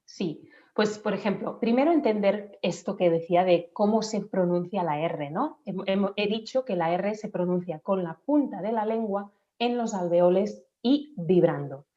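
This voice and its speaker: A woman's voice: medium pitch, moderate pace, few pauses, warm tone. A woman patiently explaining speech development in an interview, sometimes demonstrating sounds aloud. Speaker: speech therapist guest. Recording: dull lo-fi audio.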